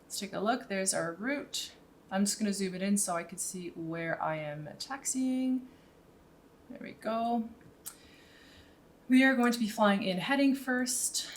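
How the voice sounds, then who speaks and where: Speaking in a mid-range voice, a woman in her thirties works through a relaxed tutorial, thinking out loud as she goes. A pilot and video host, she records in a small indoor room at home with a close boom-arm mic and a headset, and a slight hiss or hum sits under the audio.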